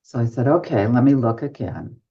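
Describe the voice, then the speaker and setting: A woman's voice: extremely low pitch, lively intonation, normal speed, warm tone. An older woman, a medium guesting on an interview show, tells stories and acts out both sides of each conversation. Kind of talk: anecdotal storytelling in a podcast interview. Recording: dull lo-fi audio.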